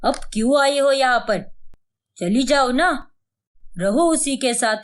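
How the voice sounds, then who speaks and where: A woman's voice: sits high, slow. A woman voicing a jealous young husband in a cartoon story, first accusing his wife and then begging her to forgive him. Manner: pleading, repeated apologies.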